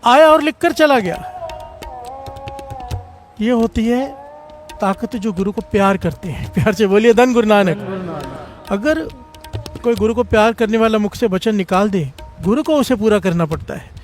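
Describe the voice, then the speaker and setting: A man delivers a devotional sermon in a high voice, weaving a story between refrains the congregation answers. Soft music plays faintly underneath. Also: normal speed. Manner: calls out refrains for congregation response. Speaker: preacher.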